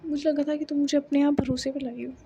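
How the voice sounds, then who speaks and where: A woman's voice: sits high, little pitch movement, fast talker, warm tone, a little hiss or hum. A woman voicing a furious, hurt young woman who scolds her lover, mixing Hindi and English. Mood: hurt reproach. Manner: accusing, tearful scolding.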